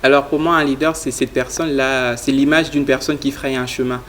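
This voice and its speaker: An earnest young adult from Congo, using plenty of fillers and a flat, even tone, explains his youth leadership project as a studio interview guest. His voice is medium in pitch and brisk, and the audio has a little hiss or hum.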